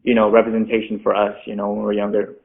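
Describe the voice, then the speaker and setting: Over tinny, phone-like video call audio, a chatty young rapper whose first language is Mandarin talks as an interview guest, saying "like" constantly and laughing at himself. His voice is lowish, monotone, creaky and very fast.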